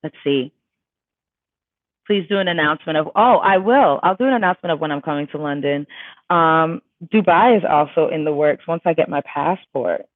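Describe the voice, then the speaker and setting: A woman vocal coach with a low voice runs a casual livestream Q&A, reading viewers' questions aloud and answering in a chatty, emphatic way with lots of fillers. She speaks at a moderate pace, and the dry recording sounds tinny, almost like a phone.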